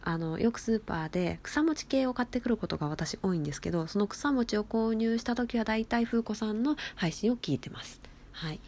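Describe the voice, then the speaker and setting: A woman hosting her own casual talk show, chatty and excitable, often laughing and gushing as she reads out messages from listeners. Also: on the high side, brisk. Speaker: solo talk show host. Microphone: phone app recording.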